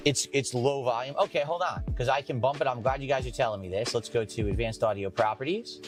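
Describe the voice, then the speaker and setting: A man's voice: mid-range voice, quick pace, over music. A man streaming a gear test, explaining step by step and checking in with "okay?", his voice muffled and distant as if heard through a wall. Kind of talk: casual live-stream demo.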